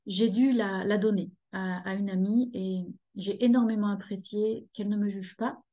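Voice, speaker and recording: A woman in her fifties, a member of a horse rescue association, speaks as a guest on a video call from her living room through her laptop webcam. Her mid-range voice is steady, mellow and at a normal pace, though the highs are cut off. She's talkative, going on at length while hesitating often and leaning on many fillers.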